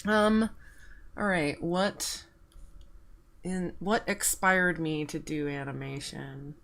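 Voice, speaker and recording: This stream features a woman in her thirties talking casually as she works, rambling, tossing out offhand swears, and reading out the chat. Her voice sits low and a bit bright, with a steady tone and slow pace.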